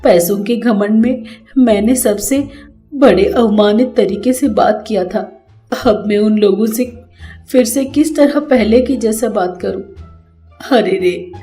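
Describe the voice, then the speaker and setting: A woman's voice: medium pitch, measured pace, darkish tone, roomy sound, soft background music, close to an everyday voice. Woman voicing a haughty newly rich mother-in-law. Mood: remorseful. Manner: haughty, scolding.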